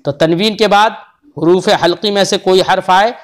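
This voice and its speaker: A man teaching Quran recitation rules in an online lesson, explaining patiently and drawing out the example words slowly. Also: high voice, steady tone.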